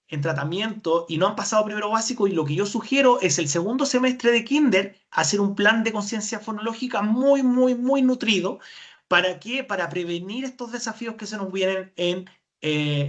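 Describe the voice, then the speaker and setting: A woman's voice: mid-range voice, fairly bright tone. A woman with a Chilean accent presents a webinar lecture as a speech therapist. She explains methods step by step. She often puts a question to her listeners and answers it herself. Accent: Chilean Spanish.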